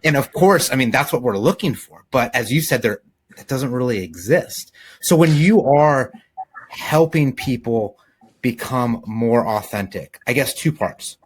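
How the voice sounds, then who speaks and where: A man's voice: mid-range voice, animated, measured pace, slightly rough. A man hosting an interview, friendly and thinking aloud as he frames his questions. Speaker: podcast host.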